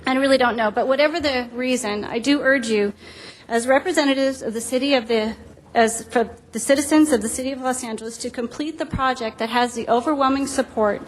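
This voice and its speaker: A woman's voice: sits high, fairly quick, poor audio. A woman giving public comment to a council, urging her point earnestly in formal language. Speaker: public speaker at a council meeting.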